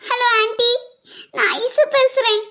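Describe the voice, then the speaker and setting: A frightened teenage girl, voiced by a woman, pleads down the phone in a cartoon. Her voice is very high and shakes as she speaks. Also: little pitch movement, slow pace, pushed and bright, heavily acted. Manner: trembling, pleading. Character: scared teenage girl calling her aunt. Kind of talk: cartoon voice acting.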